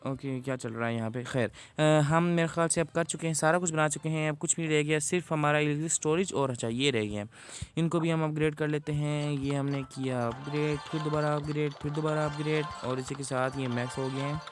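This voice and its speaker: Man, gaming commentary, casual and chatty, slightly high pitch, faint background music. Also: steady tone, a little fast. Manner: chatty, addresses viewers as guys. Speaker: gaming YouTuber.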